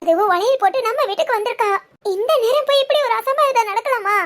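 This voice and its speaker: A woman's voice: very high-pitched, fast talker, fairly bright tone. A woman voicing all the characters of a village family drama, fussing and crying out in alarm. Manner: emotional, fussing, with cries of alarm.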